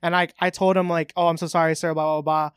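Fast-talking young man, high voice. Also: flat delivery, smooth, no room sound, studio quality. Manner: storytelling, acts out customer quotes, swears freely. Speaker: podcast guest. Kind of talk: casual chat.

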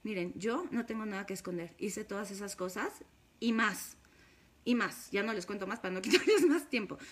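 A spiritual course leader with a Mexican accent and a mid-range voice speaks candidly to her viewers. Her monologue is confessional, blunt, and delivered with strong emphasis.

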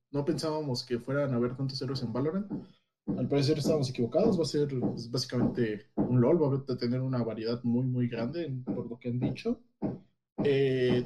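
A man's voice: medium pitch, dark tone, rough recording. A man giving a casual, hesitant, explanatory gaming news report as a podcast co-host.

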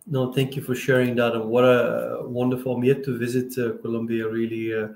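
A man's voice: mid-range voice, level tone, a little fast, gravelly, darkish tone, slight background noise. A man hosting a podcast interview, speaking hesitantly with many restarts. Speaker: podcast host. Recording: echoey room.

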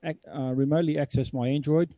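Very mellow, fast-talking man. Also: on the high side, steady tone, no echo. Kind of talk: casual chat about tech.

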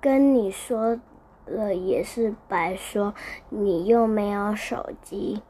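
A woman's voice: medium pitch, slow pace, warm tone, slight background noise, natural voice. A woman voicing a young boy hooked on phone games in a storybook, offhand and dismissive.

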